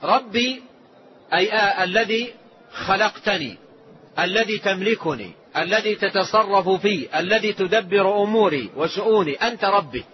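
A man with a notably high voice teaches a religious text in a measured, explanatory way, often saying a phrase twice to drive it home. The recording is dull and lo-fi, with a faint hiss underneath. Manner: measured, repeats and restates phrases. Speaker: religious scholar teaching a book.

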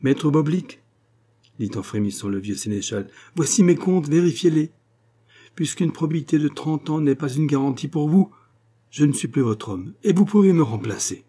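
A man's voice: fairly low pitch, normal speed, warm tone, breathy edge. A man voicing an honest, timid old head clerk in an audiobook, speaking in a trembling, wounded way. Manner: trembling, embarrassed, then indignant. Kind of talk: audiobook character reading.

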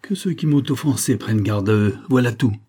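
A man voicing a sick, exhausted and vengeful male vagabond who speaks gruffly and bitterly. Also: lowish voice, fairly quick, dark tone.

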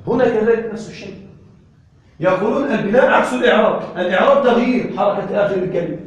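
A man teaching Arabic grammar to a class. He keeps asking whether his students follow and repeats key terms slowly. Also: high-pitched, lo-fi sound. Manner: checks understanding with frequent questions to the class. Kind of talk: classroom lesson. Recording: echoey room, voice from a distance.

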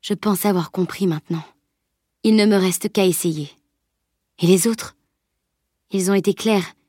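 A woman's voice: medium pitch, a little slow, mellow, no room sound, studio quality, close to an everyday voice. A woman reading the part of a determined teenage girl in an audiobook, earnest and resolute.

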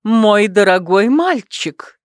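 A woman's voice: medium pitch, expressive, no room sound, studio quality, close to an everyday voice. Woman voicing a bossy werewolf matriarch. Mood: commanding. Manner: loud, commanding, slow and emphatic. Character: stern domineering werewolf clan matriarch, middle-aged woman.

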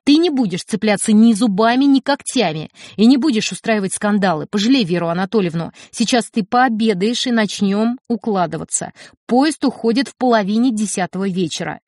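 A woman's voice: medium pitch, a little fast, a little mellow, no echo, close to an everyday voice. A woman audiobook reader voicing a stern, cold middle-aged mother with a dry, clipped manner. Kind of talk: audiobook character reading.

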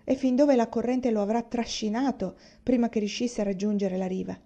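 A woman voicing a calm, steady pioneer father in an audiobook, speaking in dry, matter-of-fact remarks. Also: a little high, fairly quick, highs cut off.

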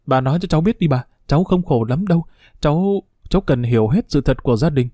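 Brief: male reader playing a tearful, anxious young woman in an audiobook; a little higher, mellow tone. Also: lively intonation, fast, dry recording, studio quality. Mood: pleading. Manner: pleading, emotional.

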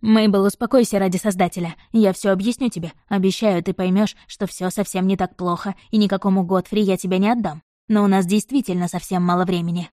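A woman's voice: mid-range voice, steady tone, a little fast, few pauses, mellow, no echo, clean studio sound, lightly acted. A woman voicing an urgent, determined young nobleman who pleads with a distressed lady.

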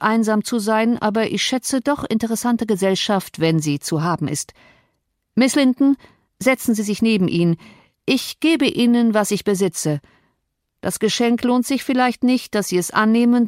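A woman's voice: mid-range voice, darkish tone, dry recording, natural voice. A brooding, cruel landowner who taunts and commands with icy sarcasm, voiced by a woman reading an audiobook. His lines come across cold and threatening. The recording is dry and close, with no room sound.

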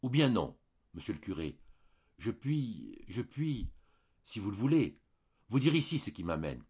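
A man's voice: lowish voice, big pitch swings, measured pace, breathy edge, lo-fi sound, heavily acted. A man voicing a timid young woman who hesitates and stumbles over her words as she confides in a priest, read in a storybook manner. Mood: hesitant. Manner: hesitant, faltering, soft-spoken.

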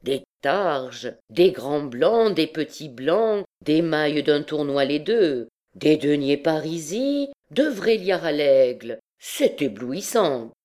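A woman's voice: low voice, animated, slow, few pauses, a little mellow. A woman voicing a swaggering young male army captain who bellows oaths boisterously.

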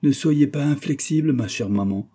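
A man's voice: mid-range voice, moderate pace, warm tone, slightly rough, voice pushed up, natural voice. A man reading a classic novel aloud, voicing a nineteen-year-old noblewoman who pleads and defies her mother. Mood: pleading. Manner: pleading, tense. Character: young noblewoman, nineteen, desperate and defiant.

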